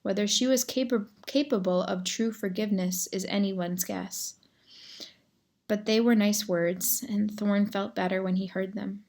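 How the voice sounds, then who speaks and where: A woman reading a children's novel aloud as narrator, measured and expressive, sometimes addressing the reader directly. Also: medium pitch.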